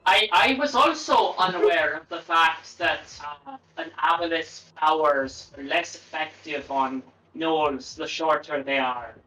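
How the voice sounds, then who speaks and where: Bright, slow-talking man player. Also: fairly high pitch, rough recording. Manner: hesitant, thoughtful, wry understatement. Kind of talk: casual tabletop play.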